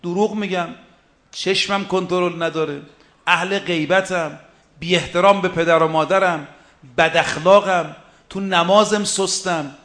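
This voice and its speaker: A man preaching a religious sermon, driving his points home in short rhythmic lists and slowly intoning Arabic verses. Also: high-pitched, fairly even intonation, fairly bright tone.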